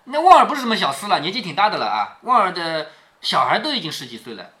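A man's voice: sits high, big pitch swings, fast talker, bright, forceful tone. A man reading a classic novel aloud to his daughter, stopping to explain it in a chatty way and often checking that she follows. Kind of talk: read-aloud storytelling with explanations.

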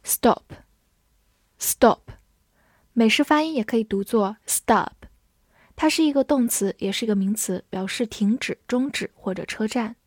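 In a clean studio recording with no room sound, a woman with a fairly high-pitched voice goes through English vocabulary. Every word is said deliberately two times, followed by its part of speech and its meanings.

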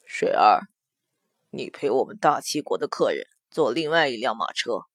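A woman acts out a reserved prince with a deep, grave voice that seems set back and distant. He is dignified and terse, read from a storybook. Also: lively intonation, moderate pace, a bit bright, dry recording, clean studio sound.

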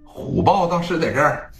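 Animated male storyteller. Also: mid-range voice, roomy sound. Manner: animated, asks the listener questions. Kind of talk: oral storytelling.

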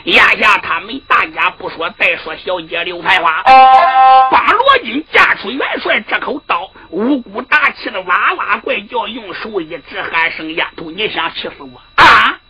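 A woman storyteller chanting a battle tale in traditional sung style, breaking into sudden shouts. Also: medium pitch, sing-song, a little slow, muffled recording, soft background music. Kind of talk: Henan zhuizi sung storytelling.

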